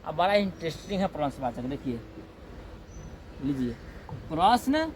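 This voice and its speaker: A man's voice: fairly high pitch, big pitch swings, measured pace, slight background noise. A man teaching grammar in a classroom, repeating points and often checking in with "है ना". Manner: repetitive, checks in with "है ना"; acts out comic example dialogue. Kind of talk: classroom lecture.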